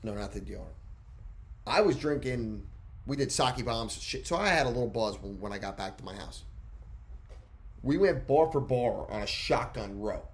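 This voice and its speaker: A twenty-five-year-old man chatting casually as a podcast co-host. His voice sits in an ordinary middle pitch. He rambles through stories and repeats lines for emphasis. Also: animated, moderate pace. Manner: rambling storyteller who repeats phrases.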